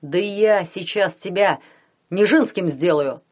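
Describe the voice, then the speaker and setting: A woman's voice: on the low side, slow pace. A woman doing a roaring grumpy husband. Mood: angry. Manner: gruff, roaring. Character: bad-tempered middle-aged despotic husband.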